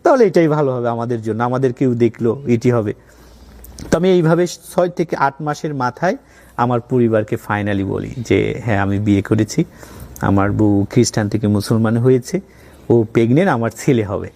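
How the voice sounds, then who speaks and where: A college owner with a Bangladeshi accent, appearing as an interview guest, tells his own story conversationally and mixes in English words. His voice is medium-pitched, a little mellow, and moderately paced.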